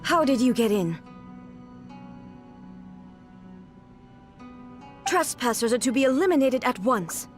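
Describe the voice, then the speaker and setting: A woman's voice: high voice, lively intonation, a little fast, faint music behind. A woman voicing a stern, aloof puppet ruler in a video game, speaking in a formal, clipped, commanding way. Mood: cold, commanding.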